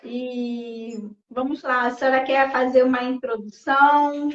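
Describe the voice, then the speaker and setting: Brief: woman host, high voice, encouraging, roomy dull stream audio. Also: level tone, a little slow. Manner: warmly encouraging, short affirmations. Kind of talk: casual church live chat. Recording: echoey, dull, faintly noisy stream audio.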